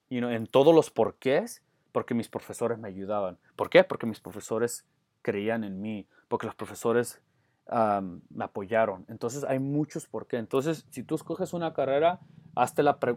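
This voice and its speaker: A man's voice: mid-range voice, normal speed, darkish tone, no room sound, studio quality. Earnest man mixing English into Spanish. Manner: earnest, mixes English into Spanish, frequent restarts. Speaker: guest, educator. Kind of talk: casual interview answer.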